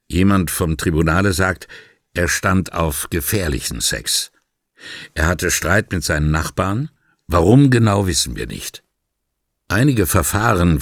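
A man narrating a crime novel audiobook in a measured reading style, lightly voicing the dialogue. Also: low-pitched, no room sound, clean studio sound. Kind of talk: scripted narration.

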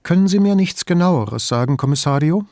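A man's voice: fairly high pitch, expressive, a little fast, mellow, no echo, studio quality, voice pushed up. A man voicing a young, eager and deferential male police officer who speaks politely and modestly. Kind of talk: audiobook character voice.

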